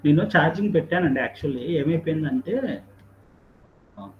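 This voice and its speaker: A man's voice: fairly high pitch, racing. A man with a South Indian Andhra accent and Telugu as first language teaches problems informally in an online lesson, mixing Telugu into his English. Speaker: physics teacher. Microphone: video call. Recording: muffled video-call audio, background noise.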